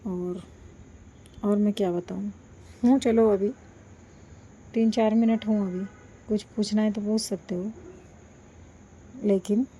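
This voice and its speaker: A woman vlogger with a sore throat, talking slowly and softly to her viewers and pleading for their support, recorded without a microphone. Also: mid-range voice, steady tone, a little hiss or hum. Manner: slow, soft-spoken, pleading. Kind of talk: casual chat to viewers. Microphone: no microphone, built-in device mic.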